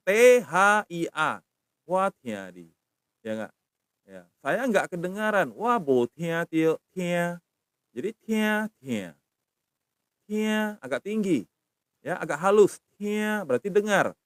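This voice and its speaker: A middle-aged man teaches a language on a live stream, patiently sounding out words slowly and checking in with his viewers. His voice sits a little high, and he speaks close to a phone mic in a dry, dead-sounding space. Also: a bit bright, no room sound.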